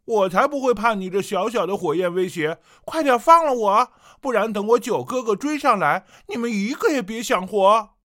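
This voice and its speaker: A man voicing a proud, haughty young princess who makes shrill, imperious threats in an audiobook demo. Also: expressive, normal speed, few pauses, pushed and bright. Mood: haughty threatening.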